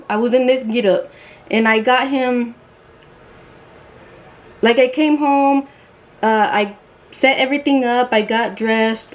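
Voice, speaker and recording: A woman's voice: on the high side, low-quality recording. Blunt, chatty young woman vlogger. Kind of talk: storytime chat while getting ready.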